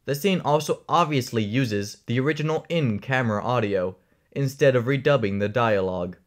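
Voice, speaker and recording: A man narrates a documentary video essay with a script. He sounds even, dry and analytical, at a middle pitch. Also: normal speed.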